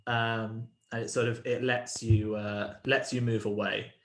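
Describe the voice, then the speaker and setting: A man narrating a tabletop role-playing game as game master, slowly describing a creature with many pauses and fillers. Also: lowish voice, little pitch movement, echoey room, a little hiss or hum. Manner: hesitant, many fillers and "sort of".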